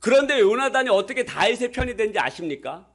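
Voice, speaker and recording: A man's voice: high-pitched, sing-song, quick pace, a bit bright. A man preaching a sermon as pastor. He puts rhetorical questions to the congregation and reads scripture aloud with them. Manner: acts out quoted speech in a plain everyday voice.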